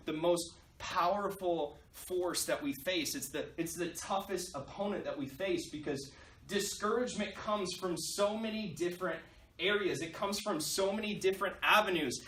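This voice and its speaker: Male coach, motivational storytelling, halting and rambling, far from mic, faint background ambience. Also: sits high, bright, forceful tone, a little hiss or hum. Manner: rambling, halting retelling with many restarts. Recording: echoey room, mic at a distance, faint ambience.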